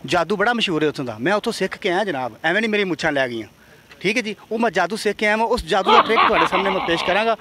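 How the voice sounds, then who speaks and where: A man's voice: high-pitched, lively intonation, very fast, pushed and bright. A man hosting a comedic street interview outdoors, playful and pushy as he coaxes passers-by. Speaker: comic street interviewer and prankster.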